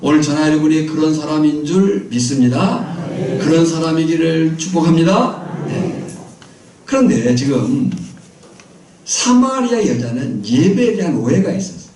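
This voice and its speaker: A man's voice: fairly high pitch, lively intonation, normal speed, a little mellow, a little hiss or hum. A man preaching a sermon as pastor, quizzing his congregation with questions and repeating key phrases in a rhythmic list. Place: small island church. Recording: echoey church sound from a distant mic.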